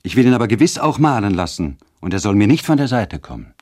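A man voicing a spoiled, capricious young noblewoman who talks in a shrill, imperious and gushing way. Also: big pitch swings, fast, a little mellow, no echo, studio quality.

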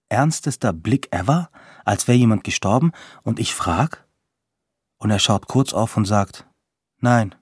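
A young man reading a literary story aloud in a deadpan, wry way. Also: lowish voice, slightly rough, no room sound, clean studio sound.

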